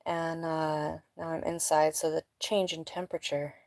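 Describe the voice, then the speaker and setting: Tarot reader: a woman with a lowish voice, blunt and emphatic, a bit sniffly, dry close sound. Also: level tone, moderate pace, a little mellow, no echo. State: sniffly nose. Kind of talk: casual live tarot reading. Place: indoors at home.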